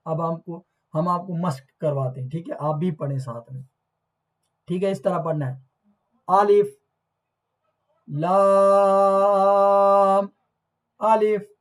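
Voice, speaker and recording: Male teacher, higher voice, slow deliberate delivery, patient questioning. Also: poor audio. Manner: patient, repeats and asks questions to the listener. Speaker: Quran reading teacher. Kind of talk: slow classroom explanation with drills.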